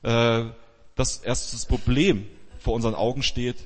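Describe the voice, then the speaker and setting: A man preaching a sermon as a pastor, retelling a Bible story in a lively way and acting out the quoted speech. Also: mid-range voice, a little slow, in a large hall.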